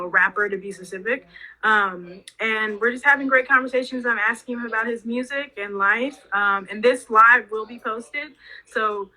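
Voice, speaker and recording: A woman's voice: on the high side, sharp tone, rough recording. A young woman hosting a casual podcast interview, rambling loosely with lots of "like". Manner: rambling, heavy use of "like". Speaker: podcast host.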